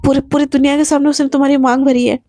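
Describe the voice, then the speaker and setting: Woman voicing a gentle, worried mother. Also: high-pitched, little pitch movement, rapid-fire, dry recording, studio quality, close to an everyday voice. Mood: motherly. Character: middle-aged mother, gentle but worried.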